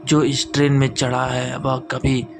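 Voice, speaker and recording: A man voicing a skinless old ghost ticket collector who speaks with slow, dragged menace in a horror storybook. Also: medium pitch, monotone, vocal fry. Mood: menacing. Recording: music underneath.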